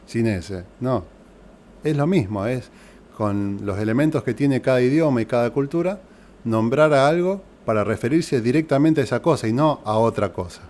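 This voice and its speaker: A pastor with an Argentine Spanish accent teaches a sermon in a church hall, explaining things step by step and posing rhetorical questions to the congregation. His male voice is mid-range, animated and a little mellow, at normal speed.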